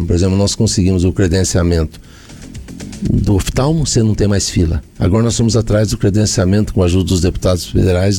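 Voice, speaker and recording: Gravelly Brazilian mayor explaining. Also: male voice, on the low side, mellow. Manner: explanatory, lists points with repeated phrases. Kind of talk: radio interview answers.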